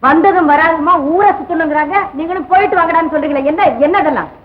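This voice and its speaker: An actress playing a sharp-tongued mother of three sons who nags and needles her husband, in a 1960s film. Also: very high-pitched, fast talker. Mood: scolding. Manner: nagging, sarcastic. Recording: dull old film soundtrack.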